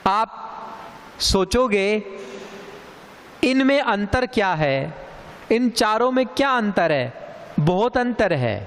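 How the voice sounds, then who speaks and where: A man teaching a grammar lesson, speaking slowly and deliberately and repeating sounds for emphasis. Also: sits high, clean tone. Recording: long hall reverb.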